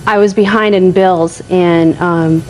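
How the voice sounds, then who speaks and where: A woman's voice: lowish voice, steady tone, unhurried, a little hiss or hum, poor audio. A woman defendant defensively explaining herself in TV court testimony.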